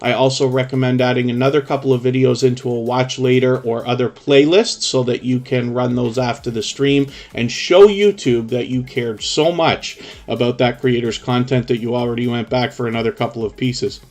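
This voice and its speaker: A man's voice: mid-range voice, steady tone, moderate pace, few pauses, darkish tone. A man hosting a live stream in a chatty way, explaining things in long, run-on stretches.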